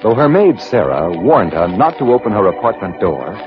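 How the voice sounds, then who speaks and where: A man announcing a 1940s radio drama, recapping the story in a smooth, measured announcer delivery, heard as an old radio broadcast. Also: lowish voice, big pitch swings. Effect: old radio broadcast sound. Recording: dull lo-fi 1940s radio recording with faint music.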